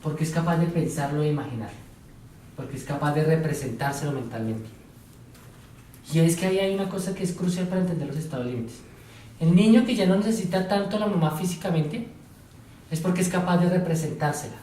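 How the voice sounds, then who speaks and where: A psychology lecturer with a slightly high, mellow, expressive voice talks fairly quickly in a very echoey room, sounding far off with slight background noise. In his classroom lecture he asks students questions, repeats their answers, and walks through examples step by step, now and then playing a teacher or patient.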